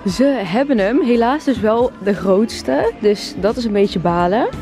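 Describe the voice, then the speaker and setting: A young woman talks in an informal, chatty vlog style at a middling pitch. She addresses her viewers casually, with clear music in the recording. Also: expressive, measured pace, dark tone. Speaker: vlogger.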